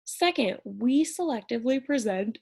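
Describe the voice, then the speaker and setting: A woman's voice: on the high side, expressive, moderate pace, creaky, darkish tone. A woman instructor talking through an exam review lecture in a conversational way, checking in often with "right?".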